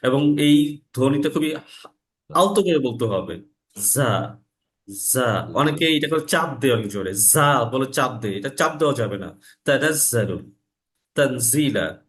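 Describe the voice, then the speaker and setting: A man teaching Quran recitation in an online class, explaining letter sounds and repeating them slowly for learners. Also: mid-range voice, lively intonation, a bit bright, rough recording. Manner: slow, drawn-out recitation. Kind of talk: online lesson, slow and explanatory.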